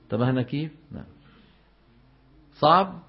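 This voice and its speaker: A middle-aged man with a Levantine Arabic accent giving a classroom lecture on Quran recitation. He quizzes his students and then answers by drawing out the example words slowly. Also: on the high side, expressive, gravelly, husky. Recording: slightly dull lo-fi recording.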